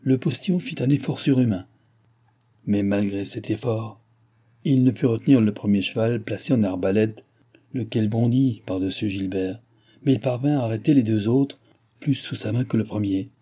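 A man narrating a classic novel as an audiobook, in a dramatic, measured way. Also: lowish voice, mellow, slightly rough.

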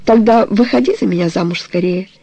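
A man's voice: sits high, brisk, vocal fry, mellow, husky, no echo, heavily acted, poor audio. A reader voicing a passionate young man pleading with his beloved to marry him, in an audiobook. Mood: ardent. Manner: pleading, tender, insistent. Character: ardent young man proposing marriage, passionate. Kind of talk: audiobook character reading.

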